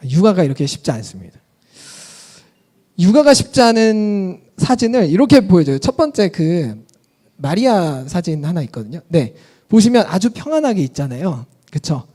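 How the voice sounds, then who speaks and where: Male pastor, animated sermon with a bouncing delivery, questions the congregation. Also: high voice, moderate pace. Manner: lively storytelling, asks the audience questions.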